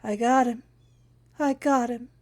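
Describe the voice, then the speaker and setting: A woman voicing an unhinged sorceress mother with a dry, papery, breathy voice, speaking slowly and eerily. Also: a little high, fairly even intonation, a little mellow, close to an everyday voice. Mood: menacing. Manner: slow, drawn-out, eerie. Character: unhinged sorceress mother, menacing and half-mad.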